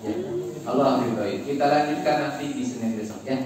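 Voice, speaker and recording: A man's voice: mid-range voice, a little fast. A male preacher giving a sermon, asking the congregation questions and teasing them. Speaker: Islamic preacher. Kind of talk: sermon with call-and-response. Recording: very echoey hall, distant mic, background noise.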